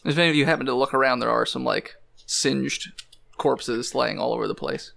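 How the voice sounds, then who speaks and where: A man's voice: mid-range voice, brisk, creaky, fairly bright tone. A man narrating as game master in a casual tabletop game session. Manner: casual, laid-back narration with fillers.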